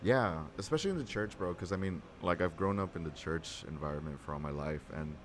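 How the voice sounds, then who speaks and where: A man's voice: deep voice, animated, brisk. A young man, a podcast guest, chatting casually in a reflective, slangy way. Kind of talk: casual chat. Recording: clearly noisy background.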